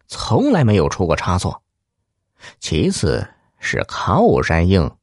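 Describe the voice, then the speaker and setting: A man's voice: fairly low pitch, a little mellow, dry recording, studio quality. A man telling a dramatic story in a theatrical way, with rhetorical questions and exclamations.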